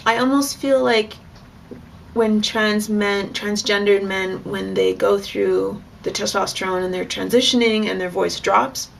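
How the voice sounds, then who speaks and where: Young adult woman, candid vlogger, gravelly fry, faint background hiss. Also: mid-range voice. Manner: frank, chatty, with bursts of laughter. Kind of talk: casual candid vlog monologue.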